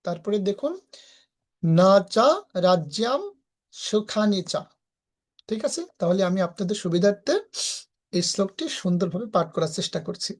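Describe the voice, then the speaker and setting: A woman's voice: medium pitch, normal speed, pauses often. A woman with a Bangladeshi Bengali accent teaching Sanskrit verse pronunciation in a live class, breaking each verse into syllables and then chanting it whole.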